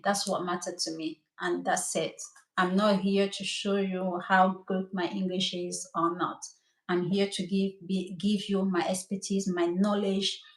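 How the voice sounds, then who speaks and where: A woman's voice: mid-range voice, reverberant. A middle-aged woman from Cameroon with a Cameroonian French accent, a native French speaker, teaching hair care on a live stream. She talks with eager enthusiasm and keeps checking in with her listeners. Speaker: hair coach and cosmetologist.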